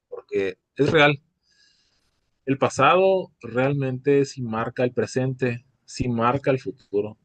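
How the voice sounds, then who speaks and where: A man giving a personal testimony at a support meeting, reflective and halting, pausing often with fillers. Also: mid-range voice, darkish tone, no echo. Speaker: support group member sharing his story.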